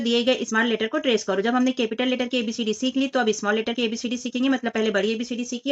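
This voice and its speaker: Female teacher, patient step-by-step children's lesson, slightly high voice, muffled recording. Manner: patient, explains step by step, addresses children as 'बच्चों' and 'बेटा'. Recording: dull lo-fi voice recording.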